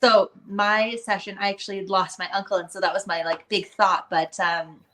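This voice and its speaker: A woman's voice: medium pitch, little pitch movement, moderate pace, pushed and bright. A woman co-host chatting in a reflective, talkative way, often saying "like.". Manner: chatty and reflective, with many "like" fillers. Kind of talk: casual conversation.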